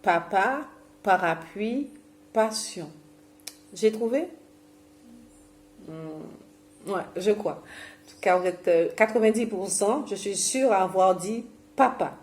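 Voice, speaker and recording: A woman from Guadeloupe runs a home exercise session for seniors. She speaks into her own camera's mic in a chatty, halting way. She stops often to restart a thought or fill a pause. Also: medium pitch, animated, darkish tone. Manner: chatty, hesitant with many fillers and restarts. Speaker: senior fitness and memory instructor. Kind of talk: instructional talk to seniors at home. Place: home, self-filmed.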